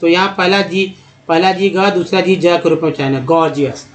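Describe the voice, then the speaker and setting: A man's voice: high voice, fairly even intonation, a little fast. A man teaching pronunciation step by step, addressing viewers as friends. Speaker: English teacher. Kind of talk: teaching lesson.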